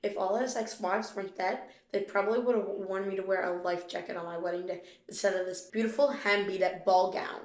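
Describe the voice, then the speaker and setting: A woman's voice: medium pitch, steady tone, fairly quick, few pauses, lightly acted. A bitter drowned bride ghost gripes in a sour, resentful tone, as a woman plays her. Puppet stage play, roomy echo.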